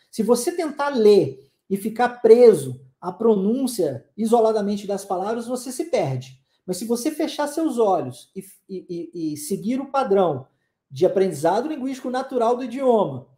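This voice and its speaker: A Brazilian woman teaching an online English lesson, repeating phrases slowly for students to echo. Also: fairly high pitch, warm tone. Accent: Brazilian Portuguese.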